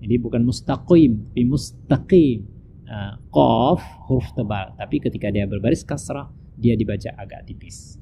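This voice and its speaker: A man with an Acehnese accent teaching Quran recitation patiently, repeating each verse slowly. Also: on the low side, mellow. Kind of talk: slow recitation lesson. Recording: dull lo-fi recording with clear background noise.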